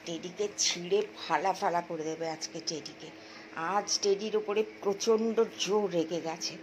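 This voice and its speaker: A woman's voice: on the low side, fairly even intonation, unhurried, background noise. A woman with a Bengali accent chatting to her pet dogs and her viewers in a coaxing, sing-song voice. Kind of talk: casual chat to pets and viewers.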